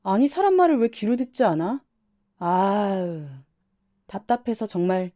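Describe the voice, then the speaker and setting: A woman's voice: mid-range voice, very animated, a little slow, warm tone, no room sound, studio quality. A woman playing a smug, sneering husband. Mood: scornful. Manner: mocking and condescending. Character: arrogant, boastful husband who runs a private academy.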